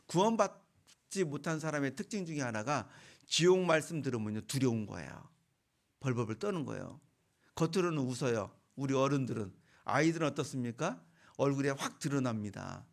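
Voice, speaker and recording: Middle-aged male pastor, gravelly voice, lively storytelling sermon delivery. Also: medium pitch. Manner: storytelling with rhetorical questions to the congregation.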